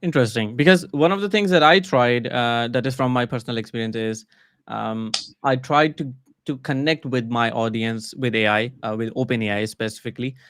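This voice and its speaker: A man's voice: mid-range voice, a little fast, fairly bright tone, no room sound. A man hosting an interview, sharing his own experience and asking long, curious questions. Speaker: host. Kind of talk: conversational interview.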